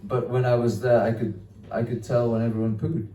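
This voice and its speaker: A young Welsh man does a rambling, self-deprecating stand-up set in a small comedy venue, swearing and trailing off into laughter. His voice is medium-pitched, mellow and flat, and he talks fairly quickly. The mic catches him from a distance in an echoey room, with slight background noise.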